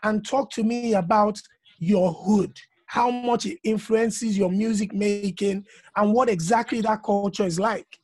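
A man hosting a podcast, asking measured, prompting interview questions. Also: high voice, fairly even intonation, slightly rough, no room sound. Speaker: podcast host.

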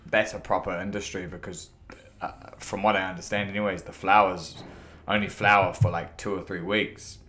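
Deep-voiced man with a broad Kiwi accent. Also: flat delivery, normal speed, sharp tone, a little hiss or hum. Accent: broad New Zealand. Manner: laid-back, slangy, matey. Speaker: podcast guest. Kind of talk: casual chat.

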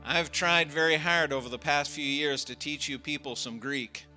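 Male pastor, very bright forceful voice, fairly high pitch, earnest emphatic preaching, soft music behind. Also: fairly even intonation, normal speed. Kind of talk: sermon and prayer. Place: church.

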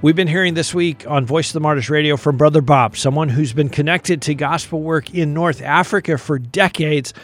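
A man's voice: on the high side, moderate pace, hardly any pauses. An American man hosting a radio program, reading a scripted sign-off in an earnest, polished way. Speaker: radio host.

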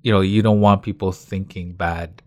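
Deep voiced canadian guy cohosting, thinks out loud, lots of ums, dead dry sound. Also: steady tone, normal speed, no room sound. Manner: thoughtful, explaining at length with fillers. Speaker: podcast co-host. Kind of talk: casual chat.

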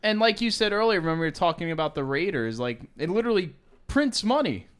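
Excitable young man with a smooth voice. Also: high voice, a little fast. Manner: excitable, blunt and joking. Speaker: podcast co-host. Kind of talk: casual sports chat.

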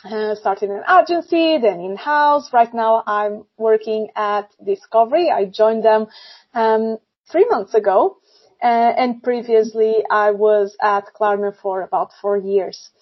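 A woman's voice: a little high, a little slow. A woman from Portugal, a tech recruiter talking as a podcast guest in a friendly, filler-heavy way. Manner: friendly, apologetic, many fillers. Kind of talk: casual podcast chat. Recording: dull lo-fi sound.

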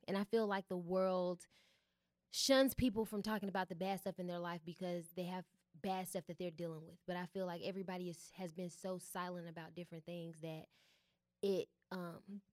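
This is a casual studio interview with a young woman who is an artist and founder. Her voice sits on the low side, and she talks openly and comfortably, filling her speech with fillers. No room sound is audible.

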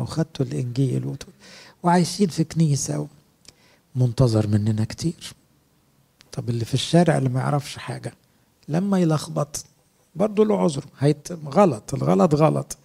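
A man's voice: mid-range voice, gravelly, mellow, husky. A middle-aged man with an Egyptian Arabic accent, preaching a sermon as a priest, earnest and asking his listeners rhetorical questions.

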